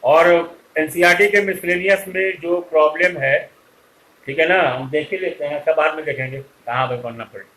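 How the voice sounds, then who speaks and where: A man's voice: a little high, normal speed, bright, forceful tone, rough recording. A man teaching an online lecture, scolding and lecturing his students directly.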